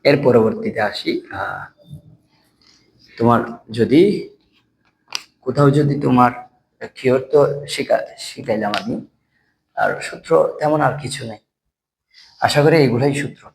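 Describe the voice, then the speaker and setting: A male teacher gives a spoken lesson. He talks in a halting way and says each example word twice, slowly, so students can copy it down. His voice sits at an ordinary middle pitch for a man. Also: creaky, a little hiss or hum, poor audio. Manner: halting, repeats words slowly for dictation. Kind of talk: spoken lesson on pronunciation rules.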